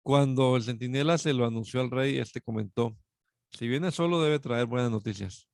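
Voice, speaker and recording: A man reading a Bible passage aloud, steady and measured, sometimes correcting himself mid-phrase. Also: medium pitch, creaky, dry recording, studio quality. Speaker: scripture reader.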